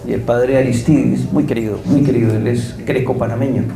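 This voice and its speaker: Male guest lecturer, gravelly low-toned voice, storytelling delivery, echoey room. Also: fairly even intonation, fairly quick, a crowd in the background. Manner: storytelling with quoted dialogue. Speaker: guest speaker. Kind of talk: religious lecture.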